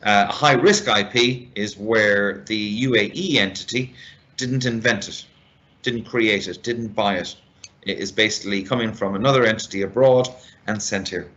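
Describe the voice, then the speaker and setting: A fairly low male voice on a dull, lo-fi recording. He presents as an expert, walking listeners through rules step by step in a methodical, deliberate manner. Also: fairly bright tone. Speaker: expert speaker on business regulations. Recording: dull, lo-fi band-limited sound.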